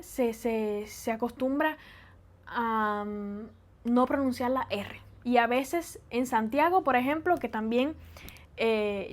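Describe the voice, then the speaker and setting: A woman from Cuba with a Cuban Spanish accent, talking animatedly in a casual vlog and laughing often. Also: a little high. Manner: animated, laughs often, acts out loud fast speech. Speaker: vlogger.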